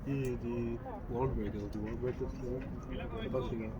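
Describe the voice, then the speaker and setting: A man's voice: mid-range voice, little pitch movement, moderate pace, a loud crowd. A young man in a casual outdoor chat, asking questions and laughing easily. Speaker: baseball player chatting. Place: outdoors near a ballfield. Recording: dull sound with loud outdoor noise.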